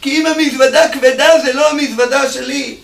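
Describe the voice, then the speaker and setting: A man's voice: a little high, animated, creaky. A man voicing a wealthy middle-aged diamond merchant who has lost everything, exclaiming in a rising voice. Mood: distraught. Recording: echoey room, distant mic.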